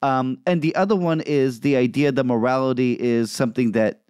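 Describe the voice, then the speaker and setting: A man co-hosting a podcast discussion, laying out his points in a measured, thoughtful way with some restarts. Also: mid-range voice, steady tone, darkish tone, clean tone, no echo, studio quality. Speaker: podcast co-host.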